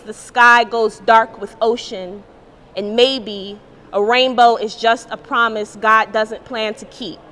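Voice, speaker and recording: A woman poet giving a live spoken-word performance at an art gallery event, reciting in a measured, deliberate way. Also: fairly high pitch, a bit bright.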